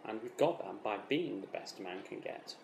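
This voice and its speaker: A self-important British razor developer, played by a man, gives a mock documentary interview in a lowish voice. He boasts with deadpan earnestness and false modesty, halting and repeating himself defensively. The room echoes around him, with faint noise behind. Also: gravelly. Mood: smug, earnest. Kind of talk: mock documentary interview, improvised-sounding monologue. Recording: roomy echo with faint background noise.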